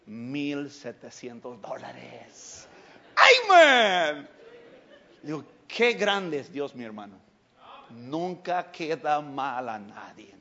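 A male pastor preaching a sermon, telling stories in an animated way and breaking into shouts. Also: on the high side, lo-fi sound.

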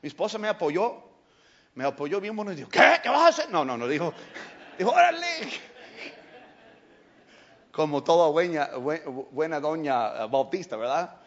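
Male pastor, high voice, animated preacher who shouts at times; muffled, dull recording. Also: normal speed. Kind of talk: sermon.

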